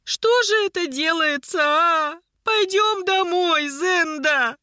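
A woman's voice: extremely high pitch, slow, pushed and bright, no room sound, clean studio sound, voice pushed up, exaggerated voice. A woman voicing a wiry, temperamental male werewolf uncle who blusters and wails in theatrical complaint. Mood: wailing.

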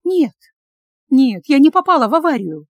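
A woman's voice: high-pitched, sing-song, moderate pace, no room sound, voice pushed up. A woman voicing a betrayed young woman who is crying and desperate, in an audiobook. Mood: flustered. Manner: tearful, breaking into loud cries.

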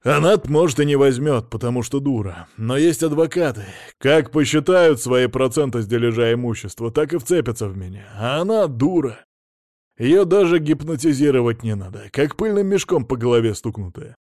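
A man voicing a rude, angry middle-aged male millionaire who blusters and shouts in a hoarse voice. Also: mid-range voice, expressive, moderate pace, dry recording, clean studio sound, natural voice. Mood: indignant.

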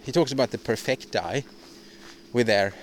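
A man's voice: mid-range voice, slight background noise. Rambling man on a solo podcast. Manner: halting, rambling, frequent restarts and repeated words; opinionated, ranting delivery. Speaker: podcast host.

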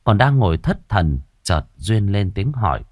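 Male audiobook narrator, low voice, lively expressive intonation, dry close sound, dramatic storytelling. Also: measured pace, dry recording.

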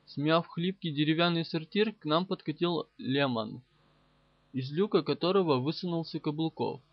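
A man reads a first-person war story aloud in a brisk, even storytelling manner. His voice sits a bit higher than most men's. The recording is dry and close, with a slightly dull sound. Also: no echo. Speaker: audiobook narrator. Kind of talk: first-person audiobook narration.

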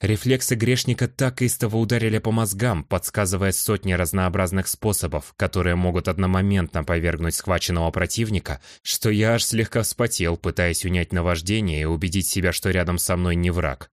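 A male audiobook narrator with a very deep voice, reading fantasy in a calm, measured first-person way. The sound is dry and close, with no room echo.

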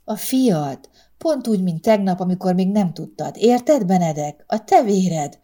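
Brief: female narrator doing a timid loyal wife, soft and pleading, storybook reading. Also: medium pitch, animated, close to an everyday voice. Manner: gentle, pleading.

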